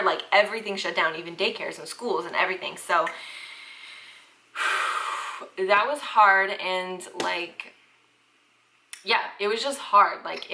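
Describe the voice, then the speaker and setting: A woman's voice: medium pitch, sharp tone, a little hiss or hum, rough recording. A young woman, chatting casually to camera as a parenting vlogger, filling her talk with "like". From Southern United States. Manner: chatty, fills talk with "like" and "freaking".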